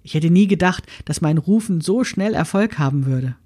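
Woman reading an old grandmother: calm, teasing, kindly secretive, slightly husky. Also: fairly low pitch, moderate pace. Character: warm, mysterious old grandmother.

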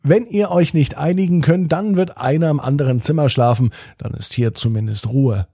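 A strict mother from a bedtime story, voiced by a man. She lays down the rules quickly and firmly in a dark, husky voice that sounds dry and close. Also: lowish voice, fairly even intonation, no room sound, exaggerated voice. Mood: stern. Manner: stern, quick.

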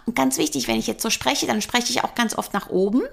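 A timid, insecure woman's voice, high and tight in the throat, as a woman puts it on. Every sentence climbs upward as if it were a question, and a creaky edge runs underneath. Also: fast. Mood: unsure. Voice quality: high, pressed, rising at sentence ends. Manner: uptalk, questioning herself. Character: insecure woman with high, pressed little-girl voice.

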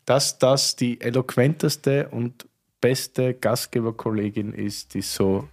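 A chatty man hosting a wine podcast, loose and casual in conversation. His voice sits at a middling pitch, and he talks warmly and effusively about the people he likes. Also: slow. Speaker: podcast host. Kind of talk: casual chat.

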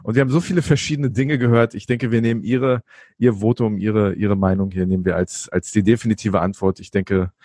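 A man's voice: on the low side, steady tone, fairly quick, dark tone, slightly rough, dry recording. A young man hosting a podcast, chatty and leading into new topics with long wordy setups. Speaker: podcast host.

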